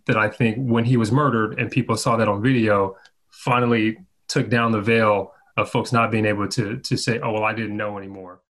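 A man's voice: mid-range voice, a bit bright. Thoughtful man in an interview. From Inglewood, California. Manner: thoughtful, restarts often. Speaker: interview guest. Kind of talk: conversational interview.

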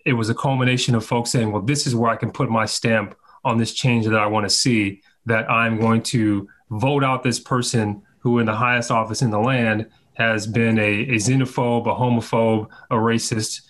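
A man's voice: medium pitch, fairly even intonation, moderate pace, few pauses, fairly bright tone. A man from California answering interview questions thoughtfully, often restarting his sentences. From Inglewood, California. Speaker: interview guest. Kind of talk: conversational interview.

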